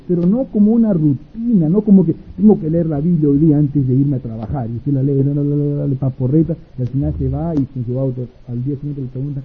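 A man preaching a sermon who acts out an anecdote in many voices, swinging between soft and loud. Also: on the high side, slightly rough. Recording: dull lo-fi recording.

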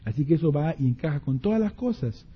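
A man preaching a sermon who slows down to read scripture verses aloud. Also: on the high side, expressive, breathy edge. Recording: muffled lo-fi recording.

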